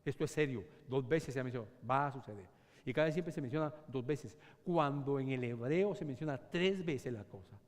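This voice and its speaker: A man pastor preaching a sermon, swinging between loud cries and hushed whispers. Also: on the high side. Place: church sanctuary. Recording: long church hall reverb.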